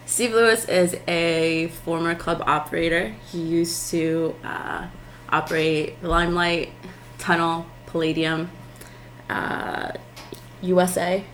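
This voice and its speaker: A woman's voice: on the low side, fairly even intonation, takes it slowly, fairly bright tone, a little hiss or hum, low-quality recording. A woman from Queens, hosting a casual chat in an informal, somewhat hesitant way. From Queens, New York. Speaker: show host.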